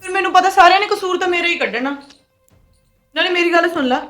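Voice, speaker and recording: A young woman playing a sharp-tongued, quarrelsome young wife in a family short film, firing back fast retorts. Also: very high voice, soft background music. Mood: complaining.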